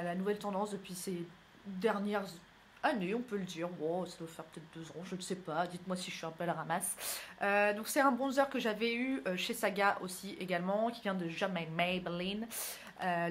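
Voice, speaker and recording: With a mid-range, fairly bright voice and slight background noise, a young woman from northern France walks through her makeup routine. The beauty vlogger is chatty and pokes fun at herself, recording at home beside a window.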